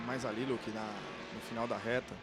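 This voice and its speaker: A man's voice: mid-range voice, level tone, fairly quick. A man with a Brazilian accent co-commentating live on a motor race in an informal, conversational way. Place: commentary booth at a racetrack. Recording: loud car and trackside noise behind.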